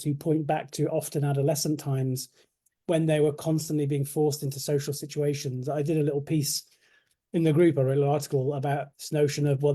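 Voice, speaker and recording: Man hosting, mellow higher voice. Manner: thoughtful, measured with fillers. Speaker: host. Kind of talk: conversational interview.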